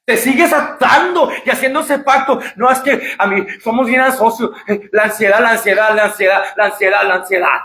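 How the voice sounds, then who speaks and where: A man, a pastor, giving an impassioned sermon, repeating phrases and shouting at the high points. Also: a little fast. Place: church. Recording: echoey church hall.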